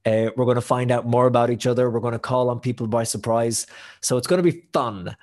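A man's voice: medium pitch, steady tone, brisk, darkish tone. A man hosting a live virtual conference as moderator, chatty and upbeat with light jokes between speakers.

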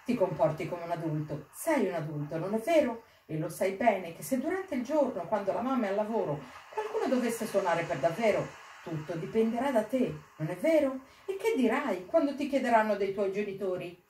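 A woman's voice: medium pitch, expressive, fairly quick, few pauses, roomy sound, far from the mic, slight background noise, voice pushed up, close to an everyday voice. A woman reading a weary, coaxing mother. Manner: soft, tired and coaxing. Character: weary, tender mother shielding her child.

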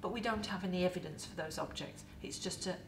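A middle-aged woman with an English accent, a museum educator in costume, giving a lively, chatty talk to camera about food with props in an indoor set. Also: fairly low pitch, fast talker, noisy background. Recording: roomy echo, voice from a distance.

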